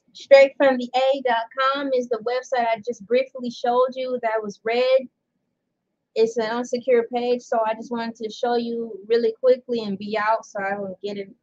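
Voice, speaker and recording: A woman's voice: fairly high pitch, a little mellow, muffled recording. A woman vlogging in a casual, rambling way, chatting and reading an article aloud indoors. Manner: rambling and chatty, laughs often. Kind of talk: casual chat. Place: indoors under bright lights.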